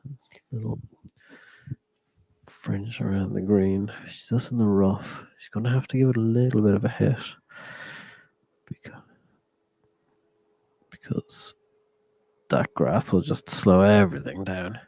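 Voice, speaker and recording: Slow, creaky-voiced man commentating on golf. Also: on the low side, dark tone, no echo, rough recording.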